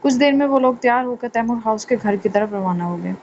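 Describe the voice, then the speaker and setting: A woman's voice: fairly high pitch, a little fast, darkish tone, dull audio, slight background noise. Woman reading a romance novel aloud. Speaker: audio novel reader. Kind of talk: scripted narration.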